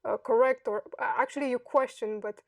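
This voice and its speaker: Woman guest, 30s, from Romania; reflective and hesitant, higher-pitched with a flat delivery, dry and distant from the mic. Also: no echo. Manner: thoughtful, hesitant, many pauses and fillers. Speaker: podcast guest. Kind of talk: reflective interview answers.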